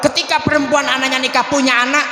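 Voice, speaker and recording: A high-voiced, bright preacher delivers a jokey sermon in a prayer hall. He slips into regional dialects and chants prayers out loud, his voice ringing with long reverb. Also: little pitch movement, quick pace. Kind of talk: humorous sermon.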